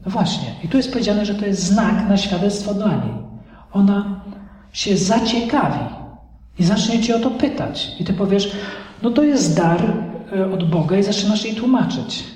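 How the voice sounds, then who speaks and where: A man with a high-pitched voice preaches to a congregation, animated and lively, acting out little dialogues as he goes. He is recorded from a distance in a large hall, and the sound rings with a long, heavy echo. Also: normal speed. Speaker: pastor. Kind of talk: sermon. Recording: echoey hall recorded from afar.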